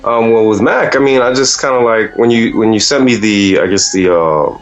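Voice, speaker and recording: Deep-voiced voice actor guy rambling laid-back w/ lots of ums, kinda muffled, faint music. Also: normal speed. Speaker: voice actor, guest. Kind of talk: casual interview.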